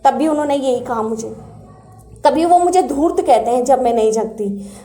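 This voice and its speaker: A woman's voice: high voice, normal speed. A woman earnestly and animatedly recounting her spiritual experiences as a personal story. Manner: earnest and animated, acts out quoted words. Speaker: devotee sharing spiritual experiences. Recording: echoey room.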